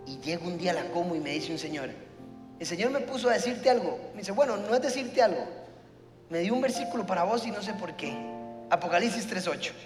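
A pastor preaching a sermon, telling a story and acting out the dialogue. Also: male voice, sits high, expressive, fast, echoey room, big-room sound, over music.

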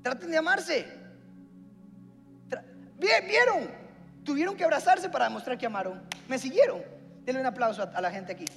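A pastor preaching with a very high, lively voice that rises and falls. He keeps turning to the congregation with questions. His voice rings in a large hall with long reverb, and faint music plays behind him. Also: normal speed, vocal fry, long pauses. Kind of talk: sermon. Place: church hall.

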